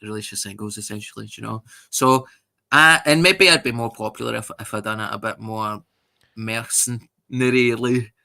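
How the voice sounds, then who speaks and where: A Scottish man in his thirties, a comedian chatting in a casual interview, animated and sweary, acting out other people's voices as he tells stories. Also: lowish voice, fairly quick, gravelly. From Scotland. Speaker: stand-up comedian guest.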